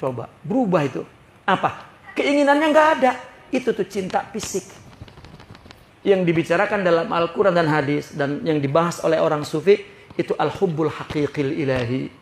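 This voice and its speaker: A man teaching religion in a relaxed, conversational style and often checking that his listeners follow. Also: on the high side, normal speed, vocal fry, reverberant, a little hiss or hum. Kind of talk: kitab study lecture. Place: prayer hall.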